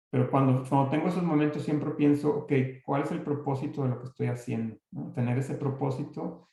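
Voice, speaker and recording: After his talk, a guest speaker with a Mexican accent fields questions, hesitating and restarting often and using many fillers. His mid-pitched voice is mellow with a gravelly edge, and heavy room echo fills the recording.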